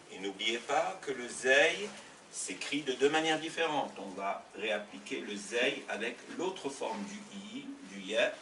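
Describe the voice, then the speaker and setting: A man teaching letters in a slow, patient classroom manner, spelling out each sound. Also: mid-range voice, noisy background. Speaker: Arabic teacher. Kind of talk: classroom lesson. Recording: roomy sound from a distant mic.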